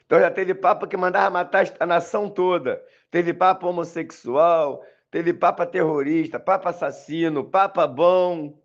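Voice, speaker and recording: Insistent high-pitched Brazilian man. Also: fairly even intonation, moderate pace, few pauses, highs cut off. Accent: Brazilian Portuguese. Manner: repetitive, insistent, addresses listeners as "gente". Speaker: religious commentator. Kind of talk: voice message monologue.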